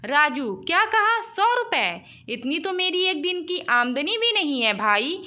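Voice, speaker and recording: A woman playing a harried young husband from a storybook, his voice high and bright, worn out and reproachful. he sighs over money he cannot spare. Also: big pitch swings, a little slow, exaggerated voice. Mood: weary. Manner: weary, reproachful.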